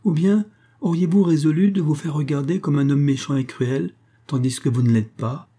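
A man's voice: a little high, moderate pace, mellow, pitched above the performer's own voice, lightly acted. A man reading the part of a proud young wife who mocks her husband with haughty indignation. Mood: indignant, haughty. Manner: haughty and mocking.

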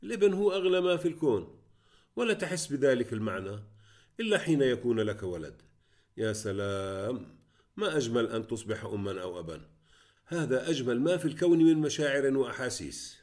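A man's voice: mid-range voice, animated, fairly quick, a little mellow, lightly acted. A man reading aloud, voicing an older mother who insists and repeats herself. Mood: fond. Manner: raised, insistent and repetitive.

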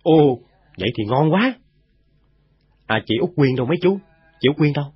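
Audiobook: cheeky boastful village boy, voiced by a man, pitched up, lively, dry dull recording. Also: normal speed, breathy edge, no echo. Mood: flustered. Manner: stammering, chattery, giggly.

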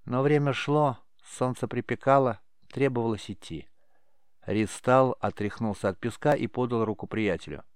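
A man narrating an audiobook in a measured storytelling manner. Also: medium pitch, clean tone, no room sound, clean studio sound. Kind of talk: scripted narration.

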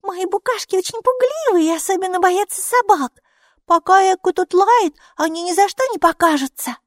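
A woman reading an audiobook, voicing an excitable six-year-old girl in high, breathy, eager exclamations. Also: moderate pace, no echo, clean studio sound. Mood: sly polite.

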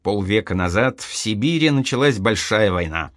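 A man with a fairly low voice narrates an audiobook with dramatic, expressive storytelling. His pitch swings widely from phrase to phrase, and the recording is close and dry, with no room sound. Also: moderate pace, no room sound.

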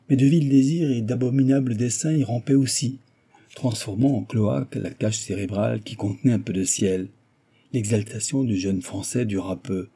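A man's voice: fairly low pitch, mellow, husky. A man narrating a novel aloud in a dramatic storytelling delivery. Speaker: audiobook narrator.

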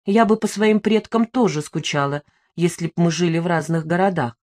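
A woman's voice: on the low side, brisk, a little mellow, natural voice. A woman reading the lines of a defiant, sarcastic young woman in an audiobook. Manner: snappish, sarcastic.

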